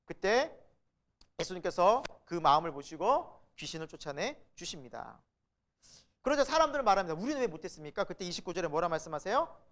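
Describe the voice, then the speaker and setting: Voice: medium pitch, brisk. A preacher giving a Bible lecture in a church, asking the congregation questions and answering them, and acting out the people quoted. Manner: acts out the quoted speakers in lively voices. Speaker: preacher teaching a Bible class.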